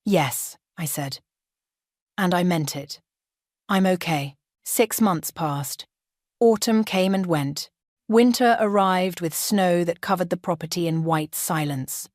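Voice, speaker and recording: An older woman tells her story in the first person with a steady, calm resolve. Her voice sits on the low side, and the recording is close and dry with no room echo. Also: a little slow. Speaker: narrator.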